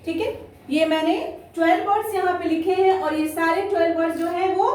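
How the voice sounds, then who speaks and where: A woman with a high voice teaches young children in an unhurried, patient way, repeating each word and often checking that they follow. She is heard from a distance in a very echoey room. A faint noise runs underneath. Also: fairly even intonation, a little mellow. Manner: slow, patient, repeats each word and keeps saying "theek hai". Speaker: primary school Hindi teacher. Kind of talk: online class lesson.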